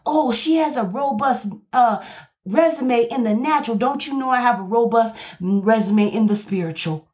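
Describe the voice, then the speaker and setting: A woman's voice: a little high, dull audio. A woman preaching a sermon, firing emphatic rhetorical questions at her congregation.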